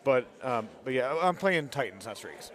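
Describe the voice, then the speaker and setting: A man commentates live on a golf tournament in a casual, conversational way. His voice sits at a middle pitch. He keeps it low-key, remarking on each shot and player as play goes on. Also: very animated, moderate pace.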